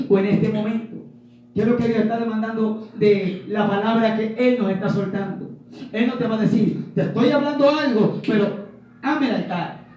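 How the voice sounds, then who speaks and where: A man's voice: sits high, mellow, dull audio. A man from Ecuador preaching a Pentecostal sermon, asking his congregation questions and acting out little dialogues. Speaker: evangelist preacher. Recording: very echoey room, voice from a distance, faint noise.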